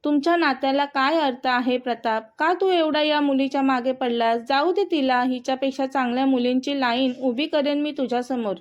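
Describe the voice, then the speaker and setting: Brief: stern elderly patriarch of an audio storybook, firm and commanding, read by a woman in a high voice; dull, muffled audio. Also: normal speed, hardly any pauses, natural voice. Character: stern elderly grandfather, head of household.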